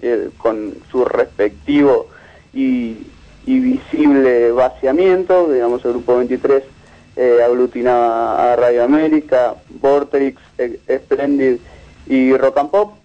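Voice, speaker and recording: A man, a media researcher giving a measured, analytical interview with frequent restarts. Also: medium pitch, muffled recording.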